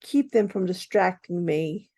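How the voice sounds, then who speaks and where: A woman's voice: lowish voice, animated, measured pace, mellow. A woman hosting an interview, eager and affirming, often chiming in with short agreements. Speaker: podcast host. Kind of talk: conversational interview.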